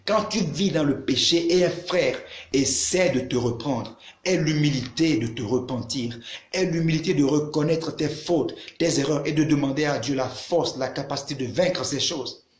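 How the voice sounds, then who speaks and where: A man's voice: a little high, normal speed, reverberant. A man preaching a sermon to a video audience, emphatic and repeating his phrases as he addresses listeners directly.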